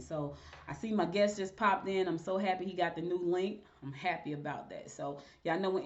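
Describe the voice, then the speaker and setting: A woman's voice: fairly low pitch, dull audio. A woman hosting a casual live-stream interview, chatting to viewers as she goes. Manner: chatty, talks to viewers while fixing tech. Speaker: show host.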